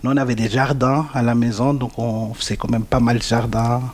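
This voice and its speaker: A man's voice: mid-range voice, little pitch movement, fairly quick, darkish tone. A man from central Portugal, answering a school radio interview as a parent in an easygoing, plain way.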